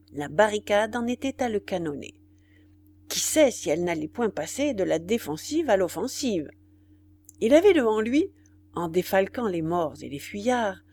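A woman's voice: medium pitch, a little mellow, a little hiss or hum. A woman narrating a novel in a dramatic, varied audiobook reading.

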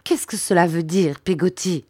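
A petulant young mother with a high, whining voice, as a woman reader puts her on. She pleads and frets in a bright, strained tone, stretching her complaints slowly. The recording is dry and close. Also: animated, no room sound. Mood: petulant pleading.

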